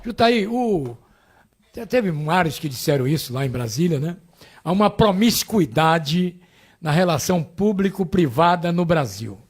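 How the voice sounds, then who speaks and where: A man's voice: fairly high pitch, animated, measured pace, slightly rough. A man hosting a live radio interview, chatting and chiming in with the guest. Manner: conversational, chiming in with agreement. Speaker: radio host.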